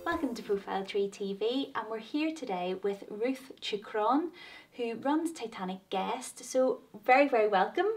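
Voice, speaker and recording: A woman's voice: fairly high pitch, lively intonation, moderate pace. A woman hosting an interview, upbeat and encouraging as she welcomes her guest and asks about her business. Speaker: interviewer, host.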